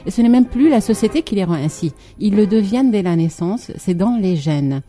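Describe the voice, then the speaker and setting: A woman's voice: medium pitch, animated, a little fast, mellow, soft background music. A woman from Lebanon co-hosting a casual talk segment, chatty, with frequent fillers and laughs. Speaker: co-host. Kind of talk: casual studio chat.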